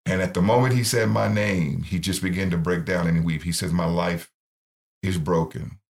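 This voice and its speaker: Deep-voiced man telling his testimony. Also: steady tone, fairly quick, vocal fry. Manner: earnest storytelling, acts out quoted voices. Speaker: ministry founder. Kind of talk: personal testimony in interview.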